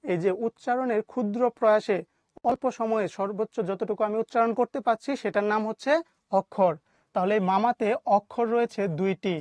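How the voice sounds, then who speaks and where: A woman's voice: mid-range voice, a little mellow, no echo. A woman teacher giving an online lesson with a Bangladeshi Bengali accent. She keeps asking the class questions and then answers them herself.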